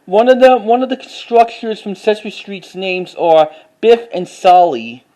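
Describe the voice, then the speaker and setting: Showing off a collection to the camera, a man with a high-pitched voice narrates casually and unscripted, reading out titles. He speaks haltingly, often restarting or repeating phrases, in an expressive, warm tone, though the audio is poor.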